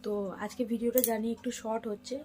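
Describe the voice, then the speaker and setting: A woman speaking quietly in her bedroom at night during a family vlog, keeping her voice down next to a sleeping child. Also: on the high side, little pitch movement, fast talker, noisy background. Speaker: vlogger. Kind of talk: hushed bedtime vlog chat.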